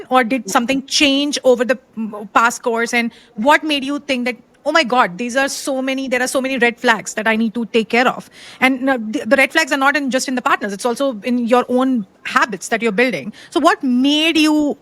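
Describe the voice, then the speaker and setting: Higher-voiced woman podcast host, dry sound. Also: moderate pace, dry recording. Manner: warm, hesitant questions with many fillers. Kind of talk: conversational podcast interview.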